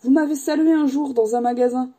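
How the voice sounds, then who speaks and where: A calm, polite young boy speaking simply, as a woman reading puts him on. The voice is lifted a little and stays husky. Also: high voice, a little fast, pitched above the performer's own voice.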